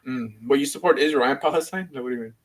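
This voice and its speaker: A rabbi hosting a livestream chats and debates casually in a mid-range voice at a racing pace. He rambles, offering his opinions in an informal way.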